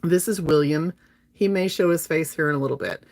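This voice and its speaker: A woman's voice: low-pitched, brisk, darkish tone. A woman. She chats casually with viewers on a makeup livestream and has a slight lingering cough. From North Alabama, USA. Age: 50s. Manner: chatty and friendly, talking straight to viewers. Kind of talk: casual livestream chat while doing makeup.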